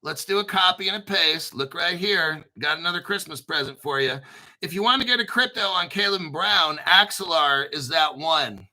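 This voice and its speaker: A man hosting an informal crypto commentary, talking through articles in an excitable, sarcastic way, swearing and often clearing his throat. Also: a little high, moderate pace, low-quality recording. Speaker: crypto video host.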